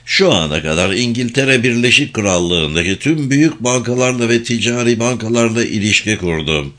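A man reading a calm, firm lawyer. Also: medium pitch, natural voice. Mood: measured. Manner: measured, patient, explanatory. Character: calm, firm middle-aged male lawyer executor. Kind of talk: audiobook character reading.

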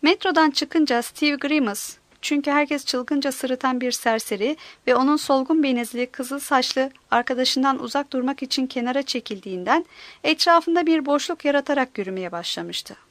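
A woman narrating an audiobook in a steady, measured storytelling manner. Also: sits high, no room sound.

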